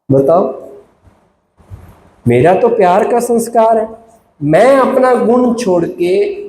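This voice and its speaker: A man's voice: high voice, dark tone. A man teaching as a spiritual speaker, giving a sermon and asking the audience rhetorical questions. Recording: roomy hall echo, faint background noise.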